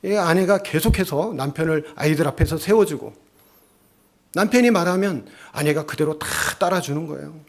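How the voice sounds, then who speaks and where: A man's voice: fairly high pitch, normal speed. A male pastor giving a sermon, telling a family story and acting out its voices. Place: church.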